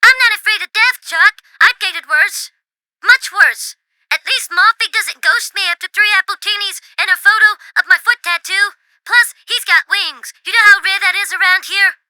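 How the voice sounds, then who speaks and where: Woman as sassy lovestruck comedy radio caller, super high sharp bright voice, brazen and earnest. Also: normal speed, no echo, exaggerated voice. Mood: sassy, smitten.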